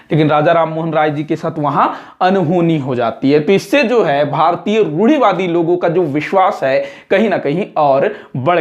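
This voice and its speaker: Guy lecturing exam students, fairly high voice, chatty, repeats stuff to drive it home. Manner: explanatory, conversational, repeats points for emphasis. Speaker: exam coaching teacher.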